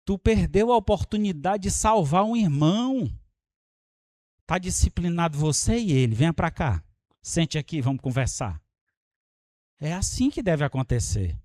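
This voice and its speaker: A man preaching a sermon as pastor, lively and acting out little scenes as he goes. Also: fairly high pitch, moderate pace, no room sound, clean studio sound.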